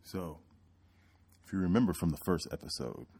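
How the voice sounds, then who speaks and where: A man hosting his podcast in a casual, reflective monologue, pausing often with ums and restarting sentences. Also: sits low, darkish tone, breathy edge, dry recording. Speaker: podcast host.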